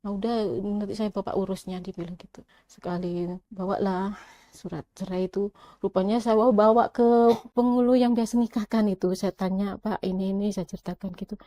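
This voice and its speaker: A woman's voice: mid-range voice, steady tone, moderate pace, dark tone, dry recording, clean studio sound. A middle-aged woman telling her own life story in a casual way, acting out the arguments by quoting both sides. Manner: conversational, with many restarts and asides.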